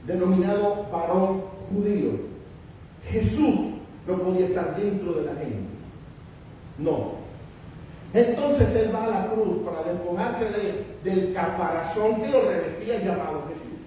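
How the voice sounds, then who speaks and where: A male pastor preaching a sermon with impassioned, rising and falling emphasis in a church hall. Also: mellow. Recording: roomy echo, distant mic, faint rumble.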